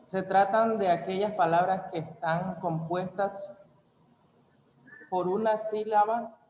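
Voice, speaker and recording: A young adult man giving a university class presentation, reading an explanation in careful, measured phrases. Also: sits high, fairly even intonation, a little mellow, a little hiss or hum. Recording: echoey room with long reverb.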